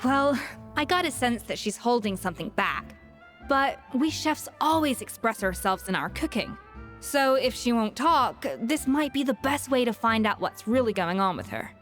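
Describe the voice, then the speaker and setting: An actress playing a proud, exacting chef in a video game, speaking precisely and with haughty self-assurance. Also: female voice, a little high, lively intonation, normal speed, fairly bright tone, soft background music. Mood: frank.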